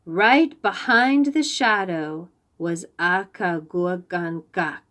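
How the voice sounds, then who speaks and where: Reading aloud for little kids, this woman takes an expressive, measured approach and leans on the important phrases. She speaks with a fairly low pitch.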